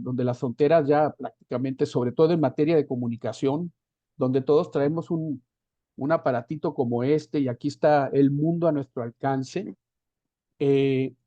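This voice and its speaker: A fairly high, mellow-toned man in his fifties talks as a guest over a video call. He rambles and drifts between thoughts, restarting often. The sound is dry and muffled, like lo-fi online call audio. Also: no room sound. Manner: rambling, digressive, many restarts. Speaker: guest copywriter. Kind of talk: casual conversational interview. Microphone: headphones on a video call.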